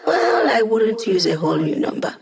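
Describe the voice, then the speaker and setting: Hack, a wry young hologram hacker. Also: female voice, mid-range voice, sing-song, moderate pace, vocal fry, darkish tone. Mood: breezy. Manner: wry, teasing, casual tech-geek banter. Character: young digital hacker woman, a wry, playful incorporeal hologram. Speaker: hacker support character guiding a squad. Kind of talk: video game character voice lines.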